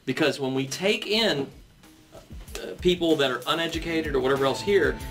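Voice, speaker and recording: A man's voice: on the high side, moderate pace, fairly bright tone, distant mic, faint music behind. A man hosting a panel debate, talking at length and often repeating and restarting his words. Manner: long-winded, stumbles and repeats words. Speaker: host.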